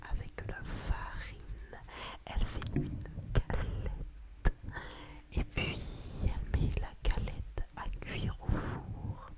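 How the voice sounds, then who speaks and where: A narrator reading a children's tale in a whispered ASMR storytelling style. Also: drawn-out words.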